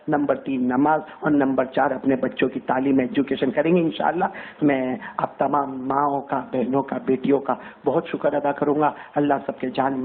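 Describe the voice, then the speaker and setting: A man preaching a sermon to women, telling a story dramatically and rising to cries when quoting. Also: a little high. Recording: tinny phone-like sound.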